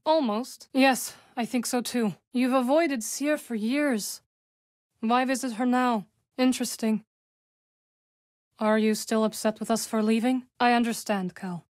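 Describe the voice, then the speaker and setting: A woman voices a video game companion character, a composed young witch, using a slightly high voice that stays close to everyday speech. Her phrasing is measured and formal, her humor dry and understated, recorded on a close studio mic with very dry sound and no room around it.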